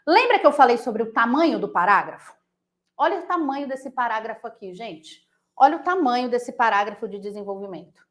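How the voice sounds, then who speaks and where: Playful high-voiced Brazilian teacher, woman. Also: fairly quick, roomy sound. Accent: Brazilian Portuguese. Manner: playful, animated, uses silly nonsense sounds and voices. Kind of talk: online essay-writing lesson.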